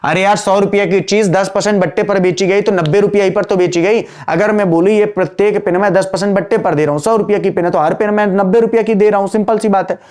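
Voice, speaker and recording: A male accounts teacher giving an online class lecture, repeating key phrases, quizzing his students, and drawling slowly while he writes entries on the board. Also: high-pitched, steady tone, darkish tone. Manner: addresses students as "beta", chiding but patient.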